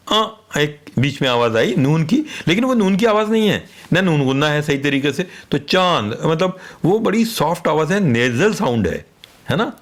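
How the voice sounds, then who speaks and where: Man explaining with lively pitch. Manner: patient, teaching, spells out letters. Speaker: Urdu poetry expert guest. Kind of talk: explanatory radio talk.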